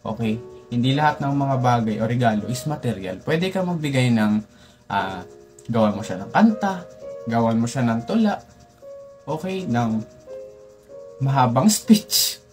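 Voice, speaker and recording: A young man hosting a comedic tutorial, lecturing playfully and jumping up in pitch for emphasis. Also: animated, measured pace, long pauses, a little mellow, faint music behind. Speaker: tutorial host.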